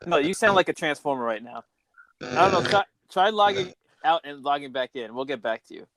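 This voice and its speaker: A man's voice: fairly high pitch, expressive, fairly quick, fairly bright tone. A man hosting a podcast in casual chat, exclaiming and thinking aloud with restarts. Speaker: podcast host.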